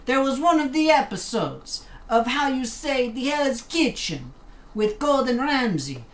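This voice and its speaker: Sitting at a desk in her home, a woman streams a game with relaxed live commentary, cracking jokes, playing with fake accents, and answering the game back. She speaks high-pitched, very animated, and a little slow, in a roomy space with faint room hum.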